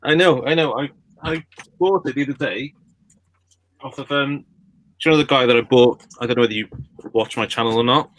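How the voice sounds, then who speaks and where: A man's voice: medium pitch, a little fast, pauses often, a bit bright, low-quality recording. A man chatting casually as a livestream guest, explaining things in a meandering way. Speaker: livestream guest, retro game collector. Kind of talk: casual chat.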